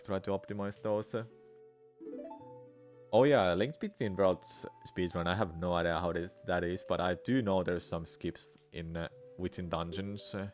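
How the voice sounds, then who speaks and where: Male speedrunner streamer, low-pitched, offhand and half-distracted, music playing behind him. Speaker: speedrunner streaming live game attempts. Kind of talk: casual speedrun livestream chat.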